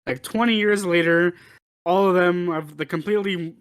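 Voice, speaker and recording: A man's voice: sits high, normal speed, clear, resonant tone. A man co-hosting a podcast in casual chat, rambling and repeating words as he thinks aloud. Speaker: podcast co-host.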